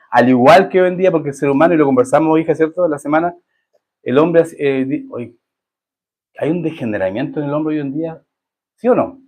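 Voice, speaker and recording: A pastor preaching to his congregation in a church sanctuary, his voice sitting a little high for a man. He talks in a conversational way and keeps asking his listeners questions. When he reads scripture he slows down and leans into the key words. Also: a little mellow. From Chile. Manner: reads scripture verses slowly with rising emphasis. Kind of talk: sermon.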